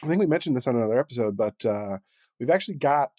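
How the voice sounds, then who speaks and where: Man, podcast co-host, casual banter, filler-heavy, mid pitch, dry close sound. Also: expressive, quick pace, a little mellow, no echo. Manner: loose, joking, with many fillers and restarts.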